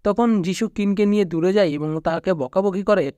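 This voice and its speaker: Narrator: male, Bangladeshi Bengali accent, high voice, dry close recording, even storytelling read. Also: moderate pace, dry recording. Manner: steady storytelling recap, quoting characters flatly. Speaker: movie recap narrator. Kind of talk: scripted narration.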